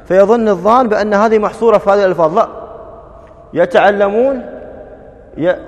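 A man teaching a grammar class, drilling students with quick questions and repeated verb forms. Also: high-pitched, fairly even intonation, long reverb tail, dull audio.

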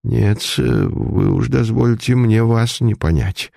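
A man's voice: medium pitch, slow pace, vocal fry, mellow, no echo, studio quality, heavily acted. A man voicing an elderly, frightened priest who stammers and speaks with deferential, trembling politeness. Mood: trembling confusion.

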